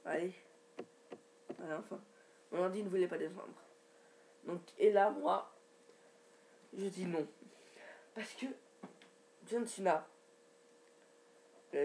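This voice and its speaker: A man's voice: sits high, a little mellow, slight background noise. A man giving a casual, rambling recap from his home computer, with many restarts and fillers. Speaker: wrestling recap vlogger.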